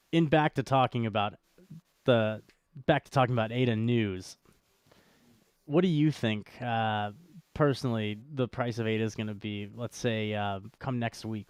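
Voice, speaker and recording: A smooth, darkish voice at medium pitch, with no room sound, belongs to a man co-hosting a crypto talk show. The unscripted chat about cryptocurrency is casual; he rambles, repeats phrases to stress them and slips in dry humor.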